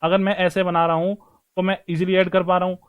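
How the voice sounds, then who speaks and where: High-voiced man teaching stenography. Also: level tone, fast, smooth, phone-quality sound. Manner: talks to students as brothers and friends, demonstrates while writing. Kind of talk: online class lesson.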